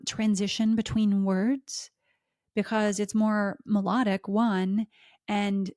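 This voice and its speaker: A middle-aged woman hosting a podcast, talking smoothly and melodically as she coaches listeners through exercises. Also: medium pitch, a little mellow, no echo, clean studio sound. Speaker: podcast host. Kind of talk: instructional podcast talk.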